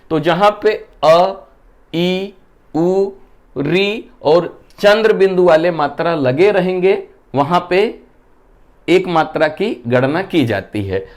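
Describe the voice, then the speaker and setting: A male Hindi teacher giving a classroom-style lesson. He asks the class questions, answers them himself in a lower voice, and keeps checking that they understand. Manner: keeps checking whether students have understood.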